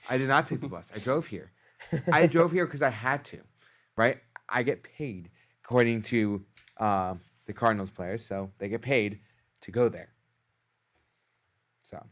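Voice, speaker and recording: A man's voice: medium pitch, a little slow, pauses often. A man hosting a casual sports podcast, jokingly trash-talking teams as he picks games. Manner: animated, jokey trash talk. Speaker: podcast host picking games.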